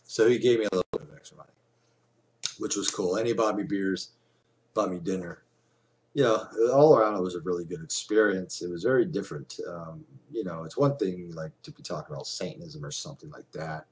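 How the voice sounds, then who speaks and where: A man in his forties with a low, deep voice vlogs from a small room at home. He talks straight into a desk webcam in a loose, rambling way, restarting sentences and filling gaps with "uh" and "like". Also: fairly quick, darkish tone. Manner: rambling, chatty, many fillers and restarts. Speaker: vlogger. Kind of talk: casual webcam vlog.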